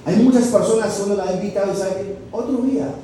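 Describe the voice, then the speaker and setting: A man's voice: sits high, fast talker, far from the mic. Male pastor preaching in an echoey hall. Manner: preaching with rhetorical questions and sudden loud peaks. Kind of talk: sermon. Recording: echoey room, off-mic, faint background noise.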